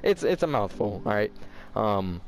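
A man's voice: on the low side, very animated, unhurried, low-quality recording. A young man doing casual, slangy video game commentary, with a slight lisp from tightened braces. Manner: informal slangy bro-style talk. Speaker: gaming YouTuber.

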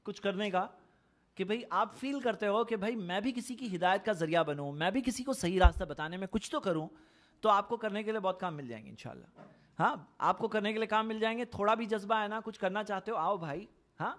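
A man's voice: sits high, a bit bright. A man from India giving an earnest, explanatory religious talk in a conversational way, repeating points for emphasis. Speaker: Islamic speaker. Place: Saudi Arabia.

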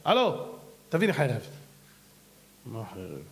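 A man voicing a wise ancient king who gives brisk, commanding orders. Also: high-pitched, lively intonation, voice pushed up. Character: wise, calm ancient king passing judgment. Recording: long hall reverb.

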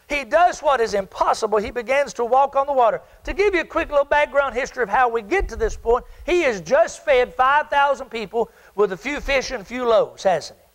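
An older man preaching from the pulpit, his voice sitting unusually high for a man. He works the congregation with questions and calls for answers. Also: fairly bright tone, rough recording. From South Carolina. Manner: call-and-response preaching, asks the congregation questions. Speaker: pastor. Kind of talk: sermon.

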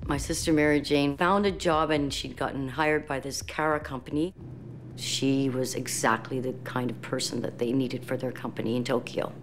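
A woman's voice: rumbling low, steady tone, moderate pace, slight background noise. A woman recounting personal memories as an interviewee. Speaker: interviewee, relative of a passenger.

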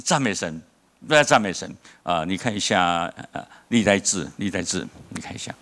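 A man with a fairly low voice preaching in a Taiwanese Mandarin accent. He tells stories with energy and keeps tossing rhetorical questions to the congregation. He chuckles at his own jokes as he goes. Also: lively intonation, normal speed, a bit bright, a little hiss or hum. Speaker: pastor. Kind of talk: sermon. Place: church.

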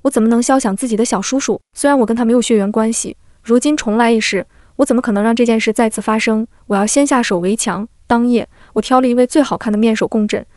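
A woman reads a historical romance audiobook as scripted narration, in a fairly high voice and at a brisk, rapid pace. Every character comes out in the same even reading voice, and the recording is close and dry, with no room sound. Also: no room sound. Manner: reads all characters in one steady voice.

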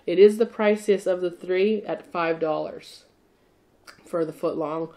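A woman's voice: lowish voice, a little slow, mellow. Chatty woman hosting a food review. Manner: upbeat, chatty, talks over her co-host. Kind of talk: casual chat.

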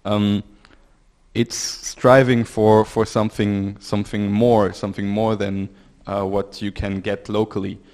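Speaking halting and measured into a handheld mic, this young Belgian man joins in as a panel participant. His voice is lowish and flat, and the setting is a medium indoor room where an audience sits listening.

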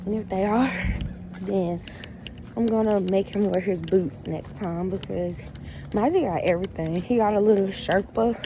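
A woman's voice: medium pitch, moderate pace. A young woman chatting casually in a vlog, talking to her phone camera at home and on a walk. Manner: casual, laid-back, lively outbursts while gaming. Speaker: vlogger. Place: at home and outdoors walking a dog. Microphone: phone camera at arm's length. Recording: phone audio with wind noise outdoors.

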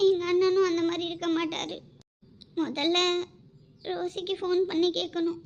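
A woman's voice: very high voice, little pitch movement, moderate pace, gravelly. A woman voicing an anxious wife and mother in a homemade cartoon, pleading and soothing. The recording is dull and lo-fi.

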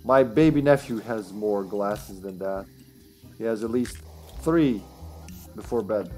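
A man's voice: lowish voice, a little slow, dark tone. A man in his thirties giving casual, rambling, joking and sweary commentary as he plays a video game. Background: faint game music.

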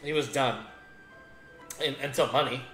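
A man's voice: medium pitch, moderate pace, a bit bright. A man chatting casually while he plays a video game, telling rambling stories with many restarts. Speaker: gaming streamer. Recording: echoey room with faint game music.

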